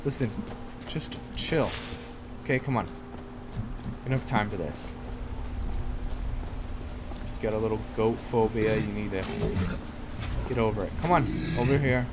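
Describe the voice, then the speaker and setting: A man with a fairly low voice, who speaks at a measured pace and pauses often, gives laid-back, improvised commentary on a video game, rambling and chatting to its characters. He's a gaming YouTuber hosting a roleplay let's play, and loud game music, rain and thunder play behind him.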